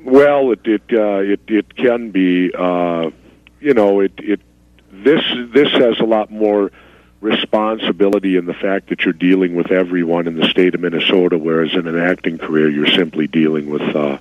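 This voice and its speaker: Deep-voiced man, guarded and halting, dull phone-line sound. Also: fairly even intonation, no echo. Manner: halting, guarded, many restarts. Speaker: call recipient.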